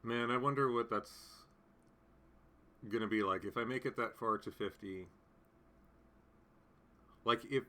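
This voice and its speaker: A man in his late thirties, in his 30s, hosts a casual livestream chat from home, his lowish voice carrying a sharp tone. He rambles as he answers comments, full of fillers and restarts.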